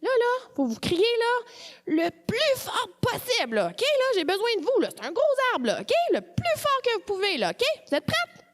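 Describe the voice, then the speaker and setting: Woman with a Quebec French accent, high sing-song delivery, leads the crowd, long hall reverb. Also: normal speed. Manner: lively, playful, coaxes the crowd to shout along. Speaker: storyteller voicing a signed tale. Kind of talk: live storytelling to an audience. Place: hall at a live storytelling event.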